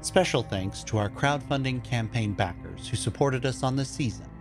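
A man's voice: medium pitch, normal speed, music in the background. A man reading scripted end credits as a podcast announcer.

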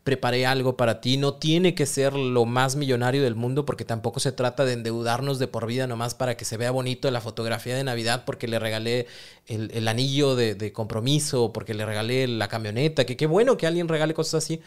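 A man's voice: mid-range voice, steady tone, fast, clean tone. A man, talking with his partner in an earnest, reflective casual conversation. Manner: earnest, reflective, laughs easily.

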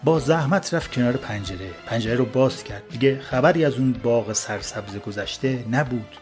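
A man's voice: medium pitch, over music. A man hosting a podcast, narrating a life story in a casual, conversational storytelling way.

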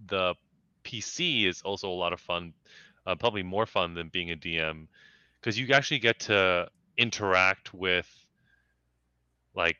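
A man's voice: low voice, measured pace, long pauses, pushed and bright, smooth, no echo. A man talking as a podcast guest in casual chat, reflective and working through his thoughts with restarts. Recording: slightly dull lo-fi sound, dry.

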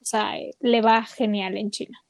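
A woman's voice: a little high, fairly even intonation, moderate pace, a little mellow, no room sound. A woman co-hosting a casual podcast chat, talking with lots of fillers. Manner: chatty, many fillers. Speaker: podcast co-host.

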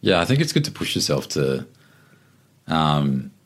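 Very deep-voiced man. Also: sing-song, unhurried. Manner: joking, laughs easily. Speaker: podcast guest. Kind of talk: casual podcast chat.

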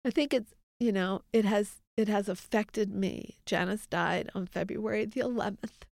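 A middle-aged woman speaks earnestly and reflectively as an interview guest. Her voice has a gravelly edge at a mid pitch. The sound is dry and close. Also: normal speed, darkish tone, no echo. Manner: earnest, reflective, quotes others in dialogue. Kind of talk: candid faith testimony.

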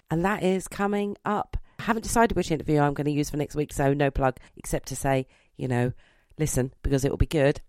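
A woman's voice: rumbling low, darkish tone. Chatty woman host in her forties. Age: 40s. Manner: chatty, self-deprecating, quick to laugh. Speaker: podcast host. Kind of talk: casual interview chat. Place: comedy venue. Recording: echoey room.

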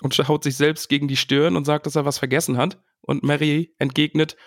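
A man's voice: a little high, little pitch movement, brisk, no echo, clean studio sound. A man co-hosting a casual podcast about a book, cheerfully reading passages aloud with feeling. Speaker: podcast co-host.

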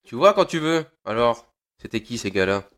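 A brutal interrogator in an audio drama, played by a man speaks in a mid-pitched voice. He threatens coldly and harshly, pressing his captive without mercy. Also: very animated, normal speed, fairly bright tone. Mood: menacing. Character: brutal, menacing male interrogator.

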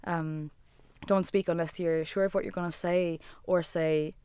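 A woman with a smooth, clear, slightly low voice, recorded close and dry. She chats casually as an interview guest, rambling and scattering "like" fillers through her sentences. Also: steady tone, measured pace, warm tone, dry recording. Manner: rambling, heavy use of "like" fillers. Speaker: guest, musician and former designer.

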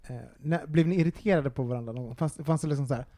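A high-voiced man hosting a casual podcast. He rambles through his questions and laughs easily. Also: warm tone. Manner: chatty, rambling, laughs often. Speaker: podcast host.

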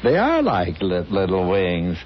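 An actor playing a meek, polite husband in an old radio drama, hesitant, stammering and apologetic. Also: male voice, sits low, huge pitch swings, measured pace, heavily acted. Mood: alarmed, baffled. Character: meek, honest, henpecked husband, anxious and polite. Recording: noisy, muffled old radio recording.

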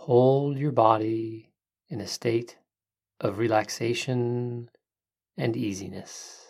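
Slow, soothing guided meditation narrator. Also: medium pitch, creaky. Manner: calm, soothing, unhurried delivery with long pauses.

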